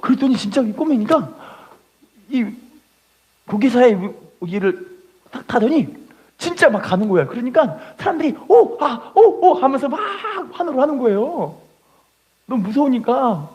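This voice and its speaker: Animated woman preaching, husky voice. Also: fairly high pitch, moderate pace, long pauses. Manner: animated, acts out stories, leads the congregation in repeating scripture. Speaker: pastor. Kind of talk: sermon with storytelling.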